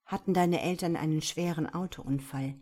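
Woman reading a male policeman, calm, measured, plain, storybook. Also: low voice.

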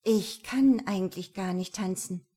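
A woman doing a wry, sharp-tongued female detective. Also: medium pitch, unhurried, breathy edge.

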